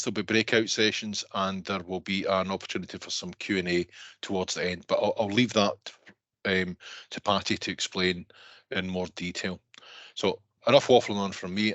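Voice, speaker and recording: A middle-aged man with a Scottish accent introducing an online workshop informally, halting and repeating words, on a video call. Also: low voice, a bit bright, dry recording. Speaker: programme lead hosting an online workshop. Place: indoor room, on a video call. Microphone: video call microphone.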